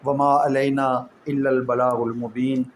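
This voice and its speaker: A man's voice: mid-range voice, little pitch movement, slow pace. A man with a Pakistani Urdu accent teaching Quranic Arabic script, explaining each point patiently with examples. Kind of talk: slow explanatory lesson. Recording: echoey room with faint ambient noise.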